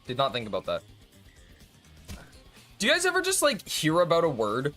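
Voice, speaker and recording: A man's voice: on the high side, huge pitch swings, normal speed, bright, forceful tone, faint music behind. A man chatting casually and rambling to his viewers while streaming a game, swearing and laughing often. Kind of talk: casual gaming stream chat.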